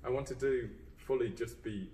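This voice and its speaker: A man's voice: mid-range voice, moderate pace, noisy background. A man from Dudley, a teacher chatting earnestly as a podcast guest, with lots of fillers and restarts. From England (Dudley). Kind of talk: casual podcast chat. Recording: roomy, distant mic, faint background.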